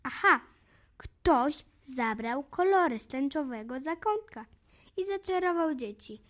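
A woman reads out a small girl detective in a children's storybook. She is high and loud with excitement, bossy and sure of herself. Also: unhurried. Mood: excited. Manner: eager, bright and bossy. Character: brave curious little girl detective.

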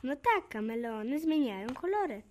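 A woman reads a timid, lonely chameleon in a children's tale. He speaks softly and slowly, sounding hesitant and apologetic. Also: sits high, very animated, a little hiss or hum. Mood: shy. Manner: quiet, slow and apologetic. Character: shy lonely male chameleon, tearful. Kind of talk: children's story reading.

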